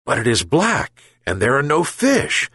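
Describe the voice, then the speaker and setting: A man reading aloud puts on a poor old fisherman whose voice climbs high and strained above his own, swinging widely in pitch. Weary and gentle at heart, he sounds a little husky in a dry storybook reading. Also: wildly swooping pitch, unhurried, dry recording, exaggerated voice. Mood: despairing.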